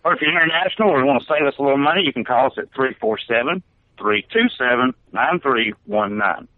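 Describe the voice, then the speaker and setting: A man's voice: mid-range voice, lively intonation, fast talker, no echo. Man co-hosting over a tinny phone line. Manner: loose, with fillers and plugs. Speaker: co-host of a call-in radio show. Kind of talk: casual radio show hosting.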